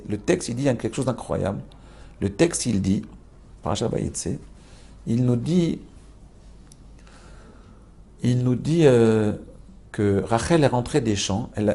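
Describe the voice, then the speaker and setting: A man's voice: medium pitch, lively intonation, unhurried, long pauses, warm tone. A man teaching a spoken Torah lesson, telling the story with many rhetorical questions to his listeners and restarting phrases as he explains.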